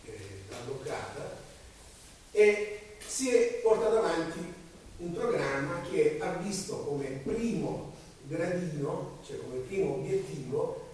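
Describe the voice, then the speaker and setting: A man hoarse with a cold, speaking haltingly as a committee spokesman explaining things at a public meeting. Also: on the high side, lively intonation, a little mellow. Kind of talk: semi-improvised public meeting speech. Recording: very echoey room, distant mic, faint hiss.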